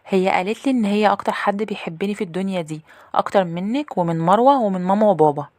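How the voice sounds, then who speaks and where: A woman's voice: mid-range voice, very fast, a little mellow, no echo, studio quality, voice pushed up, lightly acted. A woman voicing a clingy, defiant little girl with an Egyptian accent. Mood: childlike pleading.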